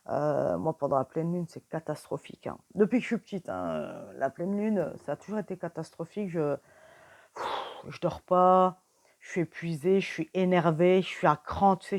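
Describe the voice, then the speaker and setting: A woman's voice: lowish voice, animated, normal speed, darkish tone. A tired young woman giving a casual card reading, chatting straight to the viewer with many fillers. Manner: whispers questions to the cards. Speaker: tarot reader.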